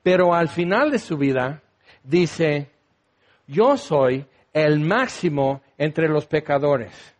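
A man preaching a sermon, lively and acting out the voices of the people he quotes. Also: a little high, takes it slowly. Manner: animated, acts out quoted voices.

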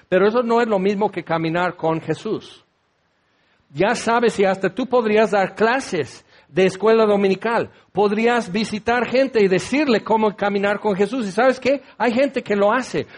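High-voiced man preaching a sermon. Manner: conversational, uses everyday examples and rhetorical questions.

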